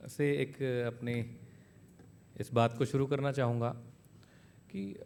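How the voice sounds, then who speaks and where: A man addresses a hall audience through a stage microphone, telling a story to make a point. His voice sits slightly high for a man, and he gets loud when he acts out the scene. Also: gravelly. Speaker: invited speaker at a launch event. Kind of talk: public speech with a told anecdote. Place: event hall.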